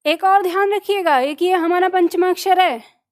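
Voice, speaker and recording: A woman teaching an online Hindi lesson, explaining step by step, putting questions to her students and answering them herself. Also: very high voice. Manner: slows down and drags out letter sounds to demonstrate pronunciation. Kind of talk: online exam-prep lesson.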